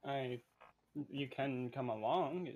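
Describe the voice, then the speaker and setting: A man's voice: mid-range voice, slow pace, phone-quality sound. A man chatting casually as a player in a tabletop game, tentative and polite. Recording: faint background noise, clicks.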